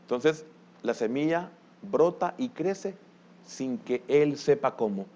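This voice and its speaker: This sermon comes from an older Salvadoran-accented pastor whose lively intonation shifts between booming exclamations and a hushed murmur. He takes his time, and the high frequencies are missing from the audio.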